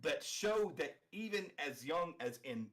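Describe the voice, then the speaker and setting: A man's voice: a little high, expressive, unhurried, a bit bright, poor audio. Insistent man in casual reaction commentary. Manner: emphatic, insistent, repeats himself. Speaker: co-host reacting to a panel video.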